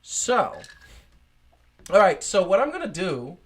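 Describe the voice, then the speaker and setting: A man hosting a casual chat podcast, talking in a loose, rambling way full of ums and restarts. His voice sits a little higher than most men's. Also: very animated, slow pace. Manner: rambling, many fillers and restarts. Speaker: podcast host.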